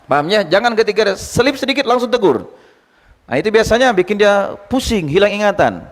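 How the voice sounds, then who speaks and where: A male Islamic teacher giving a lively study lecture, quizzing his listeners and retelling anecdotes. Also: sits high, fairly quick. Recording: long hall reverb.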